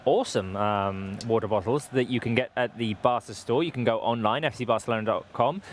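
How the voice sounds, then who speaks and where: A man's voice: mid-range voice, a little fast, slight background noise. A man co-hosting a live football show, calling chances and chatting casually. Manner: excitable, exclaims during chances. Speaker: co-host. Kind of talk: live match commentary and chat.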